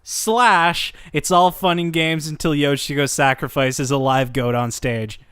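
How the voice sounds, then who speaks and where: Smooth-voiced casual male podcast co-host. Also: fairly high pitch, fairly even intonation, unhurried, bright, forceful tone, no echo, clean studio sound. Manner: enthusiastic, swears freely, casual. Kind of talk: casual anime discussion.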